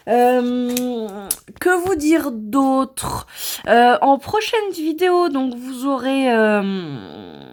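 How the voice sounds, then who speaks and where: A French woman vlogs casually, showing off her home craft room and often hesitating between thoughts with lots of filler sounds. Her voice sits on the high side with a darkish tone.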